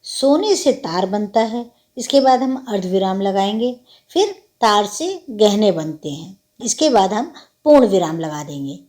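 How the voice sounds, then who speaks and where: Woman teacher, grammar lesson, patient, step by step, slow, mellow voice. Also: medium pitch, very animated. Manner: patient, explains step by step with examples.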